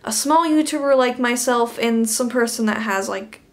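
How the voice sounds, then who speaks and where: A woman's voice: on the high side, normal speed. A young woman reviewing a bad movie in a comedic rant, sarcastic and laughing between lines.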